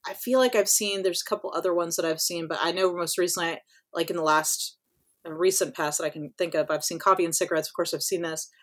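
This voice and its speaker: A woman's voice: on the low side, fast talker, fairly bright tone. A woman co-hosting a podcast in casual chat, rambling with lots of fillers and casual swearing. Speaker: podcast co-host.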